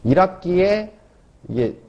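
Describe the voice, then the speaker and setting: Teaching a math class, a man speaks slowly in a high voice that's very animated, explaining step by step and frequently tacking on tag questions to check in. The lecture is captured in dull lo-fi audio.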